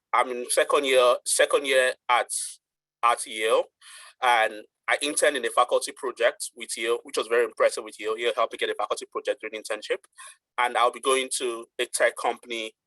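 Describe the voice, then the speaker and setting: A man from Nigeria introduces himself in short listing phrases. His voice is bright and forceful, and the sound is close and dry. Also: mid-range voice, no echo, rough recording. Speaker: MBA student panelist. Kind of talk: self-introduction on a video call. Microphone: video call.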